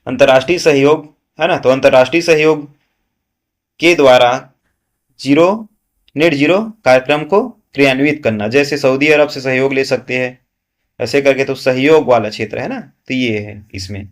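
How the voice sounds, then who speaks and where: A man walks students through current affairs like a coaching class teacher. He keeps asking a question, then answers it himself, and checks in often with "है ना". His pitch sits in an ordinary middle range. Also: normal speed.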